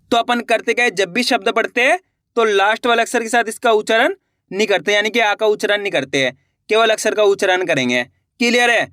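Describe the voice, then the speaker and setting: A man's voice: high-pitched, sharp tone, dry recording, studio quality. A young man teaching children to read, patiently sounding out syllables one by one in an online lesson. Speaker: Hindi reading teacher.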